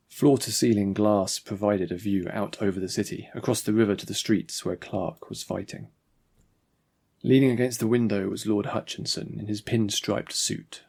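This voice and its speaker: Man, author-narrator, scripted audiobook narration, measured, husky voice. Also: fairly low pitch, darkish tone.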